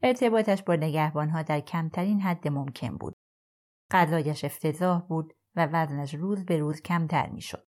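A woman narrating a novel chapter for an audiobook podcast in a calm, even storytelling manner. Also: deep voice. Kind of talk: scripted narration.

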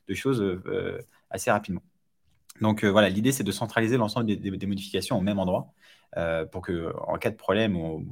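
A man speaking as a guest on a casual podcast interview, talking with many fillers and restarts. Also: fairly low pitch. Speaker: startup founder guest.

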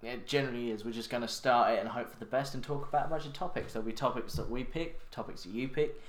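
A man's voice: mid-range voice, fast. A young man co-hosting a podcast, explaining the format in a laid-back casual chat on one shared mic. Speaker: podcast co-host. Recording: echoey amateur podcast room with faint hiss.

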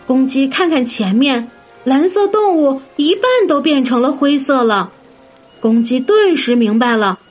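A woman narrating a children's story in a gentle, sing-song manner, addressing young listeners. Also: high-pitched. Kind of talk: scripted bedtime story narration. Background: soft background music.

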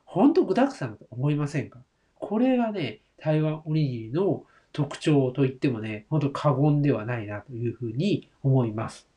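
A man's voice: mid-range voice, animated, normal speed, warm tone. A man hosting a solo talk show, describing food with enthusiasm and speaking straight to his listeners. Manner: enthusiastic, addresses listeners directly. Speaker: host comparing Taiwanese rice balls.

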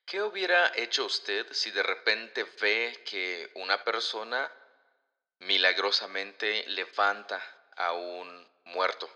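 A man hosting a podcast who slowly poses reflective questions to the listeners. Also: lowish voice, bright, forceful tone. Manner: slow, posing questions to listeners. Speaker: podcast host. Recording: long reverb, distant from the mic.

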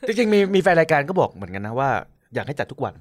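A man's voice: medium pitch, sing-song, very fast. A man co-hosting a casual podcast, joking and conversational.

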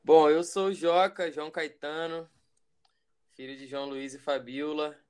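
A man in his twenties from Brazil, a musician guest talking in a relaxed, reflective way about his path. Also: a little high, a little slow, smooth. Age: 20s. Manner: relaxed, reflective, rambling with fillers. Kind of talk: casual interview.

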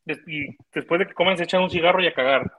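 A man with a Mexican accent, a podcast guest, telling stories in crude, animated slang. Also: a little high, quick pace, over a noisy crowd. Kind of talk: casual chat.

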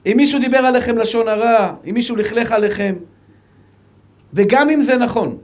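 A male rabbi with an Israeli accent giving a fervent Torah lecture, dropping to soft low asides and then rising to emphatic calls.

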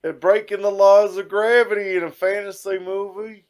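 A man joining a casual podcast chat, chiming in with unhurried, agreeable remarks. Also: high-pitched, level tone, a little mellow, smooth. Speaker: podcast co-host.

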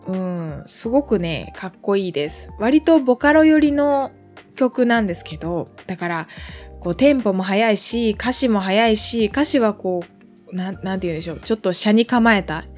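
A woman's voice: medium pitch, darkish tone. A woman in her twenties hosting a casual solo podcast, chatting in a rambling way with lots of fillers and asides. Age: 20s. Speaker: podcast host.

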